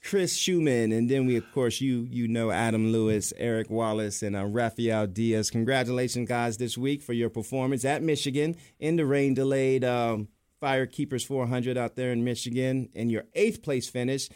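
A man's voice: medium pitch, steady tone, normal speed, darkish tone, clean tone. A man hosting a radio show, chatting casually with guests in a studio and laughing often.

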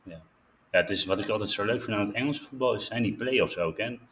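A man's voice: fairly low pitch, fast talker, fairly bright tone, slight background noise. A man co-hosting a casual football podcast, chiming in with agreement and enthusiasm. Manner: enthusiastic, with many agreeing interjections. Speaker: podcast co-host.

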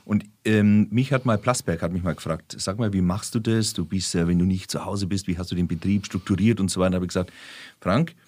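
A man with a fairly low voice chats casually as a guest, his stories picking up in lively bursts. The sound is dry and close, with no room around it. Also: fast, few pauses, no room sound. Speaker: star chef guest. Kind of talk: casual podcast chat.

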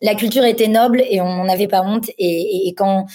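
A woman in her thirties from France, a designer speaking as a guest in a relaxed interview, passionate and pausing often on fillers. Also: medium pitch. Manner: passionate, hesitant with frequent fillers. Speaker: guest, wedding dress designer. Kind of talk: casual interview chat.

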